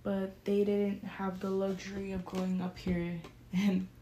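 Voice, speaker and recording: A woman's voice: mid-range voice, monotone, measured pace, dark tone. A young woman co-hosting a casual podcast chat, talking with lots of fillers and bits of slang. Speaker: podcast co-host. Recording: echoey room with faint noise.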